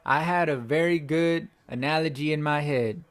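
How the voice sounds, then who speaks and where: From his home, a young sports fan channel host rants after the game at a moderate pace. His fairly high voice cracks while he rambles on, repeating himself out of frustration.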